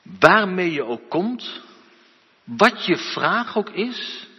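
Male preacher, husky voice, slow earnest sermon, dull recording with long church echo. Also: high voice, big pitch swings. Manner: slow, earnest preaching with rising emphatic outbursts.

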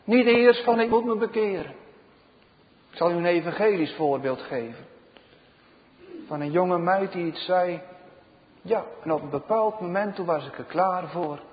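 A man preaching a sermon, slow and emphatic, his voice swelling loud and then dropping to a hush. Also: high voice, animated. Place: church. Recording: dull reverberant church recording.

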